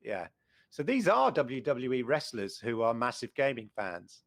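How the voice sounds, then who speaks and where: A man's voice: mid-range voice, big pitch swings, a little slow, dry recording, studio quality. A middle-aged man co-hosting a retro gaming show, chatting with enthusiasm and rambling through restarts. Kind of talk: casual chat.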